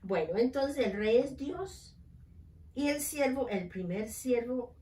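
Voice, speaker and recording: A woman's voice: fairly high pitch, animated, slow pace, dark tone. A woman teaching the Bible, reading scripture aloud and asking her listeners rhetorical questions. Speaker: women's ministry Bible teacher. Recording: roomy, distant mic.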